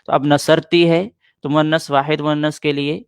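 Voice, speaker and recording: A man's voice: a little high, little pitch movement, clear, resonant tone, no echo, clean studio sound. A middle-aged man teaching an Arabic grammar lesson in a patient way, repeating points and answering students' questions.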